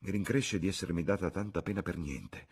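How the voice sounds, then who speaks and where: A man voicing a poised young woman who speaks in a measured, subdued and slightly tart way. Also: low-pitched, darkish tone, breathy edge.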